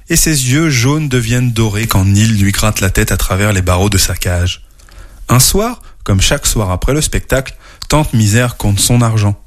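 A man hosting a children's show, teaching English words slowly and telling a storybook tale. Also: fairly low pitch. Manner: slow, clear, spells out words for kids.

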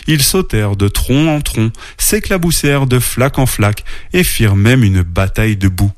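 A man narrating a children's storybook aloud in a playful, expressive read-aloud manner. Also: mid-range voice, normal speed, no room sound, studio quality.

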